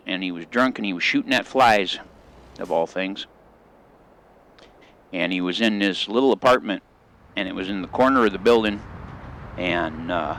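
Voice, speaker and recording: Brief: middle-aged male host, folksy rambling storyteller, lowish voice, loud engine hum behind. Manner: folksy, rambling drawl with country grammar. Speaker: gaming channel host. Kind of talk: storytelling while playing a driving game.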